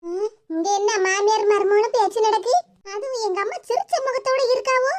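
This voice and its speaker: A woman voicing an argumentative, defensive grown daughter in a cartoon, in a high, squeaky voice. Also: fairly even intonation, a little fast. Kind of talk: cartoon voice acting.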